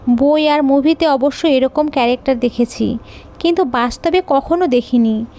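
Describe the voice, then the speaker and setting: A woman voicing a frank, curious young bride in an audio story, speaking in a soft, gentle voice. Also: high-pitched, moderate pace. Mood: earnest.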